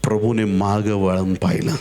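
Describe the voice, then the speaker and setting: A man preaching a sermon, acting out the characters in his stories with jokey asides and building to loud exhortation. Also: lowish voice, flat delivery, moderate pace. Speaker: pastor.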